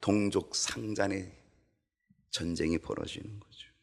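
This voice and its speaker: A man preaching a sermon as pastor in a church, animated and acting out quoted voices. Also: deep voice, measured pace, gravelly.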